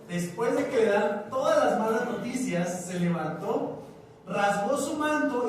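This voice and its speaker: A man's voice: high-pitched, a little hiss or hum. A man with a Mexican accent preaching a sermon as pastor, talking conversationally, joking and asking the congregation questions. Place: church hall. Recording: echoey church recorded from a distance.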